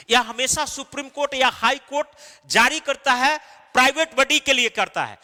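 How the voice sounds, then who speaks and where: A man's voice: extremely high pitch, pushed and bright, in a large hall. A man teaching an exam-preparation class, explaining step by step and answering his own questions. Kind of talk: recorded lecture.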